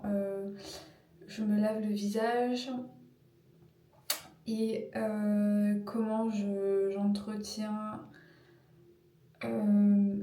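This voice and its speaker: A woman's voice: mid-range voice, warm tone. A woman in her thirties giving a casual skincare tutorial, hesitant and full of fillers as she searches for words. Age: 30s. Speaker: beauty vlogger. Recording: echoey room, mic at a distance, music behind.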